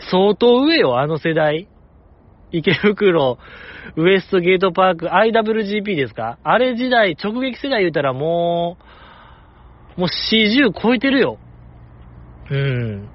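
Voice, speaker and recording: A man's voice: high-pitched, dry recording, dull audio. A man with a Kansai accent hosting a podcast, chatting casually and joking as he reads listener mail. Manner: joking, self-deprecating banter with quick laughs. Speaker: podcast host.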